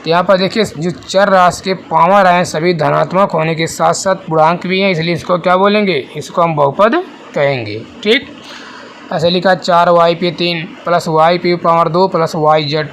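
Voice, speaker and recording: High-voiced man teaching a math class. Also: fairly even intonation, fairly bright tone, a little hiss or hum. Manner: asks the class questions and answers them himself; repeats and rephrases definitions slowly. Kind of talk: classroom lesson explanation.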